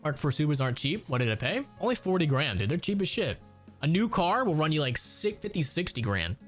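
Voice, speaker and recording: A man's voice: on the high side, very animated, fairly quick, a bit bright, faint music behind. A man in his late twenties from Ohio, chatting casually and profanely while gaming on a stream. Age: late 20s. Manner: rambling, profane storytelling.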